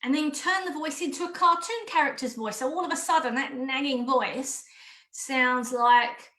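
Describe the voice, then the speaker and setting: A woman's voice: high-pitched, normal speed, sharp tone, echoey room. A woman who coaches mindful eating in an online course, talking directly and emphatically and often repeating herself.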